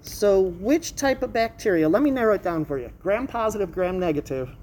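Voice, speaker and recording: In a noisy live recording from her classroom, a woman college lecturer goes over material with students and poses questions to test their grasp. Her mid-range, slightly mellow voice is animated and a little fast, though a face mask muffles it.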